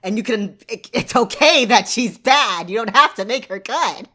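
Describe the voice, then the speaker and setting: A woman co-hosting a casual podcast chat, animated and quick to laugh, speeding up when she rants. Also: fairly high pitch. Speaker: podcast co-host.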